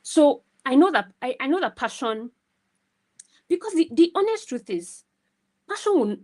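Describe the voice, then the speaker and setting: This woman speaks in a high, very animated voice at a normal speed. She mentors as a guest on a video call, giving casual advice in a conversational, emphatic way and often checking in with a tagged "right?".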